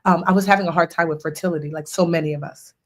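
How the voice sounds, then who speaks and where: A woman's voice: fairly low pitch, steady tone, racing. A woman in her forties hosting a live session, talking casually and animatedly, telling stories and acting out quoted voices. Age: 40s. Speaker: host. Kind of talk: casual live coaching talk.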